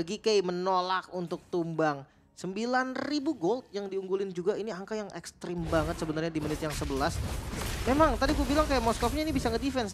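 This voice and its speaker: A man's voice: sits high, noisy background. A man giving casual analytical co-commentary on a match, repeating words for emphasis. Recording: game music behind.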